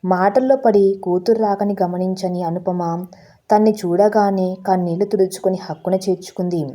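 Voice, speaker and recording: A woman storyteller narrating a scripted story in a steady, emotive way. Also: mid-range voice, moderate pace.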